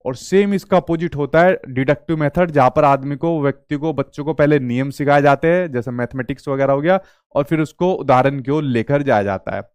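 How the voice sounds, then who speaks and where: A man's voice: a little high, a little fast, darkish tone, clean tone, no room sound. A male teacher giving an exam-prep lecture, asking and answering his own questions as he explains.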